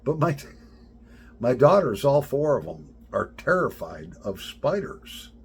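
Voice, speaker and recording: Gravelly, folksy, slow-talking middle-aged man. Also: medium pitch, very animated, slight background noise. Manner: laughing, profane, folksy. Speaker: vlogger. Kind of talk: casual storytelling.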